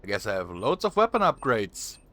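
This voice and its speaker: A man's voice: fairly low pitch, huge pitch swings, a little fast, sharp tone. A man streaming a game, casually musing and reacting aloud.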